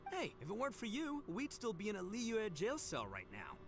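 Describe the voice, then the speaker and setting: A man's voice: high voice, wildly swooping pitch, a little hiss or hum, exaggerated voice. A man voicing a brash, good-hearted young gang boss in a video game, cocky and bombastic. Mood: boisterous, hearty. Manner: cocky, bombastic, drawn-out emphatic words.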